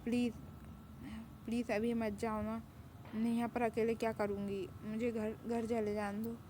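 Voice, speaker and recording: A woman voicing a frightened young woman who pleads in a fan story, with a flat, mellow voice. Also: fairly high pitch, normal speed, slight background noise, close to an everyday voice. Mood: pleading. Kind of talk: storytelling with acted dialogue.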